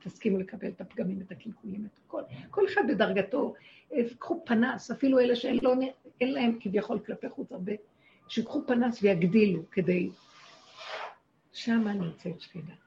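Gravelly-voiced woman teaching a religious lesson. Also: medium pitch, dark tone, highs cut off, slight background noise. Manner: emphatic, short repeated phrases. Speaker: spiritual teacher.

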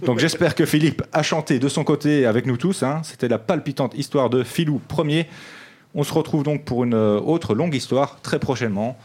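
A man's voice: medium pitch, brisk, darkish tone. A young man, a radio columnist bantering with the host in a dry, self-mocking way. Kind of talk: casual studio banter.

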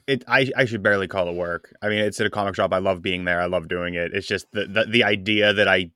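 A man co-hosting a podcast in casual chat, rambling and wry with halting restarts. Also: sits low, fairly even intonation, bright, forceful tone. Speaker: podcast co-host.

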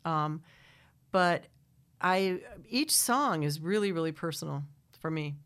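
A middle-aged woman from Wisconsin with a Wisconsin accent talks into a studio microphone in a slightly low voice. She rambles through long, self-interrupting answers and laughs easily between thoughts. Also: expressive, takes it slowly, a bit bright. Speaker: singer-songwriter guest. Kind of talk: casual interview chat.

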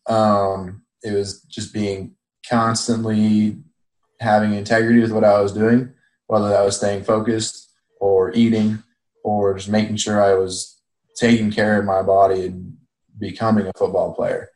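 A man in his twenties, a former college football player, giving measured, reflective answers with frequent ums. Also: lowish voice, steady tone, darkish tone. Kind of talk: casual reflective interview answer. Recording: roomy echo.

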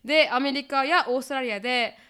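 A woman's voice: high-pitched, fast talker, sharp tone, clean tone. Attentive woman podcast co-host. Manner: attentive, frequent short backchannels. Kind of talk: casual chat, reading a listener letter.

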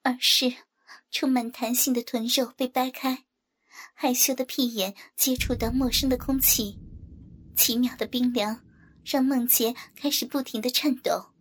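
A woman narrating a scripted adult audio story in a soft, even delivery. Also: fairly high pitch, a little slow.

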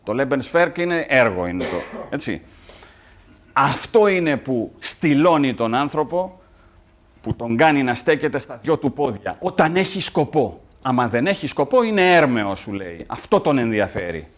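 A man's voice: medium pitch, very animated. A man speaking at a literary event, explaining a play in an explanatory way with small restarts. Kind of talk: talk about a play.

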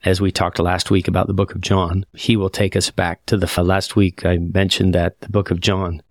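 Low-voiced earnest man teaching scripture. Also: flat delivery, normal speed, dry recording, studio quality. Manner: earnest, reflective, quotes verses aloud. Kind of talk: conversational scripture lesson.

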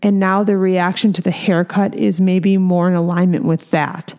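A woman's voice: fairly low pitch, level tone, moderate pace, warm tone. A woman in her thirties, a salon owner and hairstylist, talking candidly in a casual podcast chat with many fillers. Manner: earnest, candid, lots of fillers.

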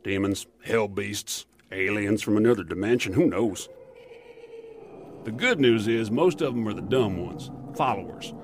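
A man playing a world-weary, middle-aged motel keeper who fights demons, gruff, folksy and terse, in a horror-comedy audio drama. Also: fairly low pitch, a little slow, natural voice. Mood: weary, grim. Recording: clear background ambience noise.

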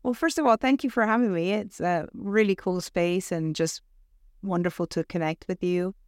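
A middle-aged woman from Venezuela speaks with an American accent as a podcast guest. Her voice is smooth and clear, and it sits dry and close to the mic. She sounds upbeat and thoughtful in casual talk. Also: lowish voice, normal speed, a little mellow, no echo. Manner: upbeat, thoughtful, frequent "you know" and "right?". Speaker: podcast guest, talent acquisition director. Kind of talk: casual interview chat.

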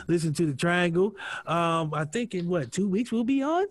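A man's voice: high voice, expressive, moderate pace, a little hiss or hum. A man hosting a casual comedy podcast, rambling loosely with jokes, profanity and plugs. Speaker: podcast host.

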